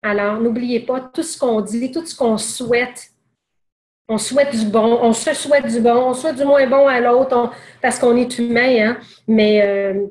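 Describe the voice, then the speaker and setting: A woman's voice: on the high side, fairly even intonation, measured pace, a little mellow, roomy sound. Woman giving a sales training. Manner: conversational, many restarts and fillers. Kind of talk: training seminar talk.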